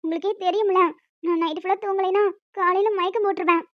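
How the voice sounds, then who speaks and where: A sulky, clingy young village wife is voiced by a woman in a Tamil audio romance drama, high and girlish in a steady tone as she pleads and chatters endlessly. It's a dry, slightly dull recording with no room around the voice.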